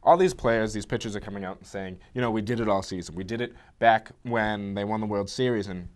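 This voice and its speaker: A man co-hosting a casual sports chat show, talking in a relaxed, rambling way with frequent restarts. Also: fairly low pitch, a little fast. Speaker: sports talk co-host.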